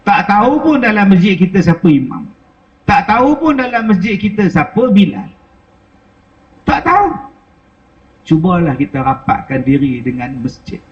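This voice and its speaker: A man's voice: sits high, sing-song, moderate pace, long pauses, dull audio. A middle-aged man, preaching a sermon with rhetorical questions and repeated phrases. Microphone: wireless lapel mic.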